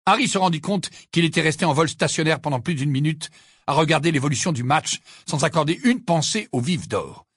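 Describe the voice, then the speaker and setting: A man narrating a novel for an audiobook in a high, bright voice. His reading is lively, with a lot of pitch movement. It is recorded close on a dry studio mic. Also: brisk, breathy edge, dry recording. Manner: expressive storytelling reading. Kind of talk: scripted narration.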